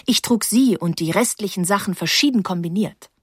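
A woman narrating a first-person novel as an audiobook, calm and wry. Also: mid-range voice, normal speed, husky, no echo, clean studio sound.

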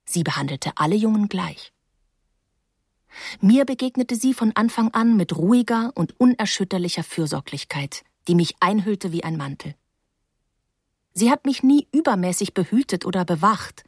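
A woman narrating an audiobook in an expressive, reflective storytelling manner. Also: medium pitch, moderate pace, husky, dry recording, clean studio sound. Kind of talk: audiobook reading.

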